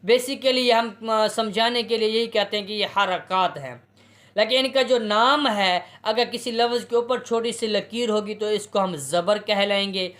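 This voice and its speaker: High-voiced man patiently teaching reading drills. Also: a bit bright. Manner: patient, repetitive, spells out letters and vowel marks slowly; asks questions and answers them himself. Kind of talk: recorded reading lesson.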